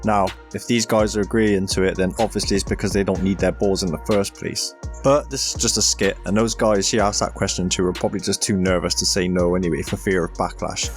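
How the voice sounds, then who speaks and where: A blunt, dismissive man delivers commentary over clips in a very low voice. Soft music plays under him. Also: steady tone, brisk.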